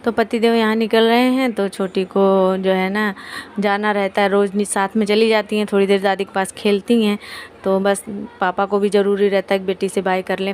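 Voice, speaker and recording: A woman narrating her daily routine at home for a family vlog, speaking softly so as not to wake a sleeping child. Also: medium pitch, a little hiss or hum. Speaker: vlogger. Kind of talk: casual vlog voice-over.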